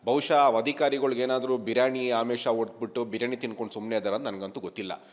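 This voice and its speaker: A man with a medium-pitched voice and fairly even intonation talks fast as an activist leader, making an emphatic statement to a reporter and repeating phrases for stress. There is a long reverb tail.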